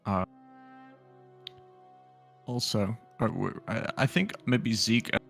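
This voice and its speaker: A young man with a gravelly, slightly low voice, playing a tabletop game and hesitating often as he speaks. Faint music sits under the talk. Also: slow pace, a bit bright. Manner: hesitant, many fillers. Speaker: player.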